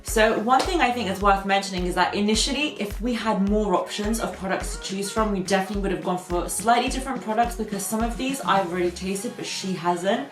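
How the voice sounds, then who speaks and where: Relaxed young woman, laughs a lot, echoey room, little bit of music behind. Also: medium pitch, a little fast, hardly any pauses. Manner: relaxed, laughs often, trails off softly. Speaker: co-host, sister. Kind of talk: casual snack-tasting chat. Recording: roomy room, faint background music.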